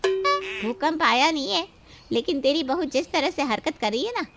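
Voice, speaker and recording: Give me a woman playing a quarrelsome cartoon neighbor, high and swooping, bright and sharp. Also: animated, normal speed. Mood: angry. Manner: yelling, scolding. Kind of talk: cartoon voice acting.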